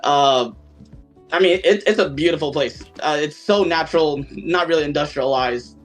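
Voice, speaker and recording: A man from southern Vietnam, a podcast guest, talking in a relaxed, chatty way with lots of fillers. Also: on the high side, normal speed, faint music behind, rough recording. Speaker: podcast guest, esports player. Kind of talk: casual chat.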